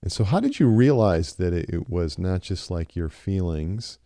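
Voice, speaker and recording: A man co-hosting a faith podcast, listening closely and asking gentle prompting questions. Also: low voice, expressive, normal speed, dry recording, studio quality. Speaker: podcast co-host. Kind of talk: faith-based conversational podcast.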